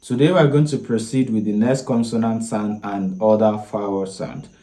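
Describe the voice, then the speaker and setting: A man's voice: fairly low pitch, fairly even intonation, normal speed, mellow. A young Nigerian-accented man teaching a language lesson, practicing tones and sounding out syllables one by one as an instructor. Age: young adult. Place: small indoor room. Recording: echoey room.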